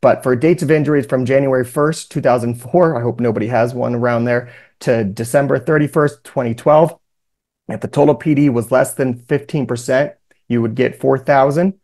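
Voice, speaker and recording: A man's voice: medium pitch, steady tone, normal speed, a little mellow. A man giving an explanatory webinar lecture on legal rules, mixing formal reading with informal asides, recorded indoors over a video call. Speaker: presenter, workers' compensation lawyer.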